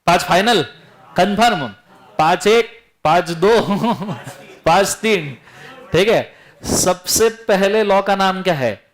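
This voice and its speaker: High-voiced man teaching a lively class. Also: slow. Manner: lively, teasing, quizzes students. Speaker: law teacher. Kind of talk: classroom lecture.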